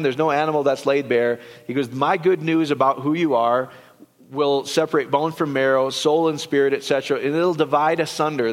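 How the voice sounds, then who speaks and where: A man gives a loose, chatty sermon, often restarting his sentences and slipping into quoted asides. His voice sits a touch high for a man. The sound trails off into the long reverb of a church hall. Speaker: pastor. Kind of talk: conversational sermon.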